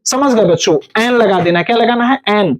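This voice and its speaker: A male teacher talks through a lesson in a fairly high voice. He keeps calling out to the children, repeats each key word, and answers his own questions. The effect is patient classroom drilling. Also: brisk. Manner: addresses children constantly, repeats key words, asks rhetorical questions.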